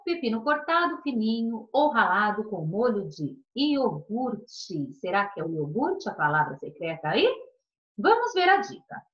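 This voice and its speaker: Lively Brazilian woman teaching children. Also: fairly high pitch, muffled recording. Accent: Brazilian Portuguese. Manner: warm, patient, sing-song explaining to children. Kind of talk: online class lesson.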